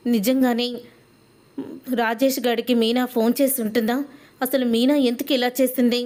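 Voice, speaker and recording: Woman narrating a soap recap, slightly high voice, flat even retelling. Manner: reads quotes in a flat retelling cadence. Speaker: storyteller recapping a TV serial.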